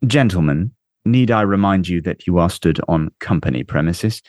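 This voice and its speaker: A man reading a story aloud, voicing a smooth, silky male banker who talks with polite, quiet menace. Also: low-pitched, lively intonation, normal speed, no echo, studio quality.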